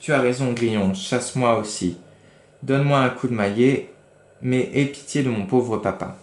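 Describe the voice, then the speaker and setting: A man's voice: mid-range voice, normal speed, roomy sound, natural voice. A man reading aloud and voicing a wooden puppet boy in a storybook, earnest and eager. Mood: pleading.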